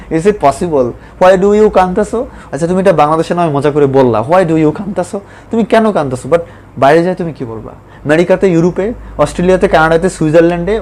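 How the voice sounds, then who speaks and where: A man teaching a spoken English lesson online, talking emphatically and repeating himself, then slowly spelling out English example sentences. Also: high-pitched, a little mellow.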